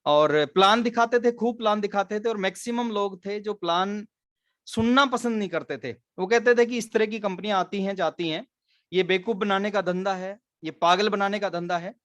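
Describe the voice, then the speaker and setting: Man, late thirties, earnest storytelling trainer, high voice, dry close sound. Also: normal speed, fairly bright tone, no room sound. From Haryana, India. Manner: earnest storytelling, mixes English words into Hindi. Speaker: business trainer. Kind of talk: motivational training talk.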